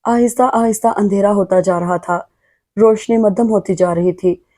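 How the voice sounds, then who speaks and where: A woman narrating a romance novel in a steady, measured storytelling voice. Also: mid-range voice. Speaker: audiobook narrator.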